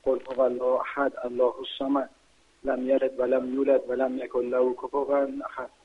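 A man's voice: medium pitch, monotone, a little hiss or hum. A man calling into a radio show, reciting carefully and answering the host with eager politeness. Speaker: caller. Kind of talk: recitation and polite phone chat. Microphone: telephone. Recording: phone line call into radio.

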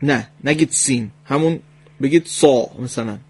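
A man's voice: fairly high pitch, no room sound. A man hosting a live call-in radio lesson, patiently and politely coaching a caller's Quran recitation by drilling single sounds.

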